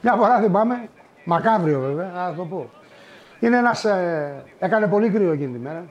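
A middle-aged man telling old stories in a wry, unhurried way, with many asides and fillers. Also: sits high, animated, lo-fi sound. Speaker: storyteller. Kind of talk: spoken reminiscence.

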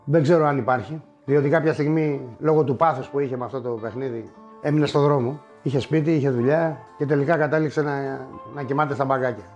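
A middle-aged man telling old stories in a wry, unhurried way, with many asides and fillers. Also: medium pitch, fairly even intonation, a little mellow, lo-fi sound, soft background music. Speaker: storyteller. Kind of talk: spoken reminiscence.

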